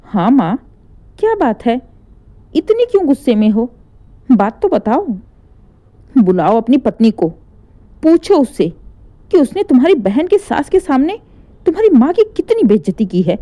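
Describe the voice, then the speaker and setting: A woman voicing an angry, domineering older mother-in-law who scolds loudly. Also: high voice, big pitch swings, normal speed, pauses often. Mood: furious. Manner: scolding, shouting in anger.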